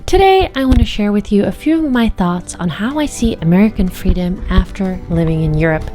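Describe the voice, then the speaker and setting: A woman's voice: medium pitch, expressive, a little fast, warm tone, soft background music. A woman in her thirties, born and raised in the Czech Republic, talking casually to camera as a homesteading vlogger, chatty and laughing lightly between points.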